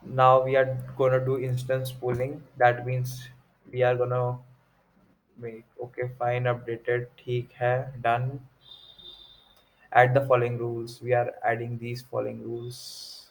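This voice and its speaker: A young man with a North Indian accent giving an informal tech tutorial, haltingly thinking aloud as he works through the steps. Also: mid-range voice, completely flat delivery, poor audio. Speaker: tutorial presenter. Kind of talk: informal screen-recorded tech walkthrough.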